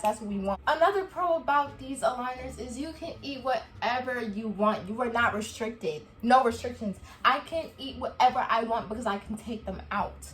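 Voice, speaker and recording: Young woman vlogging, kinda high voice, super chatty, laughs a lot, acts out convos. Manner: chatty and animated, laughs often, acts out quoted dialogue. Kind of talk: casual review chat to camera.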